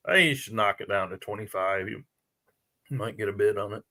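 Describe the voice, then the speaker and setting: A man's voice: on the low side, fairly quick, sharp tone. A man hosting casual live commentary, chatty and thinking aloud, often trailing off mid-sentence.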